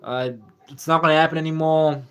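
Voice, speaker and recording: Speaking a little fast in a steady, clean tone, a young South African livestream host rambles casually with a slightly high voice. He repeats himself in loops, leans heavily on fillers, and reads out comments from viewers.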